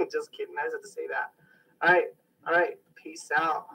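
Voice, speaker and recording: A man's voice: a little high, steady tone, moderate pace, gravelly, bright, forceful tone, slightly rough, far from the mic, poor audio. A young man casually introducing his mixtape tracks, joking and boasting, getting over a sickness. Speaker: amateur rapper presenting his mixtape.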